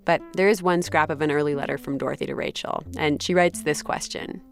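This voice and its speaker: A woman's voice: low voice, a little fast, gravelly, faint music behind. A woman hosting and narrating a story podcast in a conversational, reflective way. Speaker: podcast host. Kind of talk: scripted narration.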